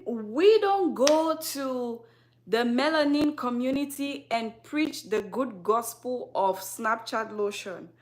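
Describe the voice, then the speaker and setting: Sassy Cameroonian woman. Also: sits high. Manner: sassy, teasing rhetorical questions, frequent laughter. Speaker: skincare vlogger. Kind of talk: casual direct-to-camera talk. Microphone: phone on tripod.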